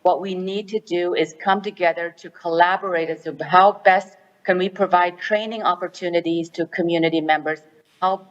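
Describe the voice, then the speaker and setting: Addressing an assembly by phone, the lowish-voiced chair of a directors forum speaks formally and earnestly about a resolution, often restarting her sentences. The sound is lo-fi, with a big-room quality.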